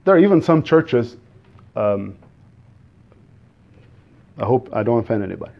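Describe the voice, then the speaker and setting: A guest preacher from the Azores, a native Portuguese speaker with a Portuguese accent, delivers a sermon earnestly but haltingly, often restarting and putting questions to the congregation. His medium-pitched voice is sing-song with vocal fry, and the audio has its highs cut off.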